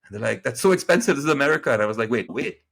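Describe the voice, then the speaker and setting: A man in his late thirties from Pakistan, a guest entrepreneur telling his story in a lively interview, acting out quoted dialogue. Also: racing, creaky. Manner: animated, acts out quoted dialogue with jumps in pitch.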